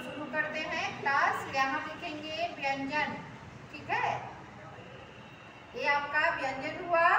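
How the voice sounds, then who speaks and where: A woman teaching Hindi grammar in an online class, going over each step slowly and asking the students check questions. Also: sits high, sharp tone, far from the mic, a little hiss or hum. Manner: slow, repetitive teaching with frequent check questions. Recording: echoey room, voice from off the mic, faint ambience.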